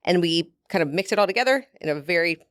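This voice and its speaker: A woman's voice: lowish voice, expressive, fast, no room sound, studio quality. A woman guest from a beef producer, explaining things at length in a casual interview and laughing easily.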